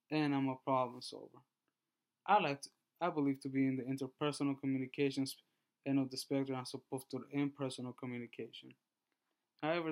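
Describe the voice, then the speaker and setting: A man in his twenties from Honduras, giving a class presentation and reading through his slides in a measured way with small restarts. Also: medium pitch, a little mellow. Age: 20s. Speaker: student presenter.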